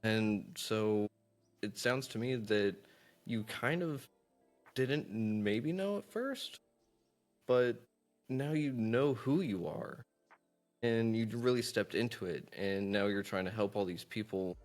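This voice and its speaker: A man's voice: fairly low pitch, lively intonation, slow, faint music behind. A man hosting a podcast interview, talking in a friendly, candid, conversational way. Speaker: podcast host. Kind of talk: casual interview chat.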